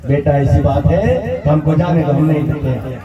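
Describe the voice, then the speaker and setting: A plump, fussy village priest frets and pleads in a raised, slightly higher voice, as a male storyteller puts him on. He sounds easily rattled. The sound is distant, dull and booming with hall echo. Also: expressive, moderate pace, close to an everyday voice. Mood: alarmed.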